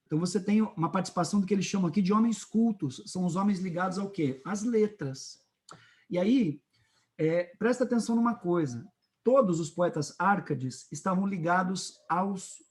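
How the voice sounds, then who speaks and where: A man with a Brazilian Portuguese accent teaching a literature class, lively and checking in often with his students. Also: high-pitched, normal speed. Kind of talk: classroom lecture.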